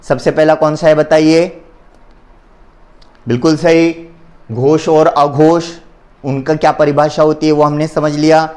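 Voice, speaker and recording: A male teacher leads a Hindi grammar lesson in a slow, drawn-out way. His voice sits a little high, and he names the letters one by one and addresses his students directly. He often has them repeat after him. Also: little pitch movement, a little mellow. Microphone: recording for an online lesson.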